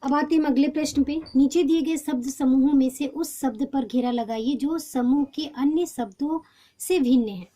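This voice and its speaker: A woman teacher explaining a textbook lesson patiently, pausing often with fillers and restarts. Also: high voice, dark tone.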